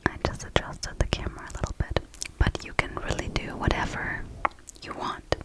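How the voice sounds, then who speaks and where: A woman whispering casual ASMR chit-chat very close to the mic, in a sleepy manner, sometimes repeating words for tingles. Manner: slow, sleepy delivery. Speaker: host of an ASMR channel. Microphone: close mic, right by the mouth.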